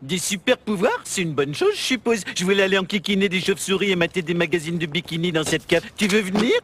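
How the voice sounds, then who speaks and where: A man's voice: sits high, fast talker, fairly bright tone, a little hiss or hum. A man voicing a dopey, childish middle-aged dad with a goofy, throaty voice in a cartoon game dub. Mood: grumbling. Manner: dopey, blurting. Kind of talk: dubbed cartoon game dialogue.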